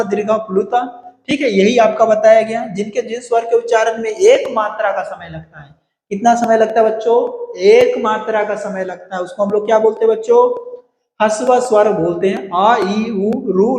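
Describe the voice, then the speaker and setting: A man's voice: sits high, darkish tone. A male Sanskrit teacher giving an exam-prep lecture, calling his students children and answering his own questions. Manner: chants Sanskrit verses slowly. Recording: echoey room with long reverb.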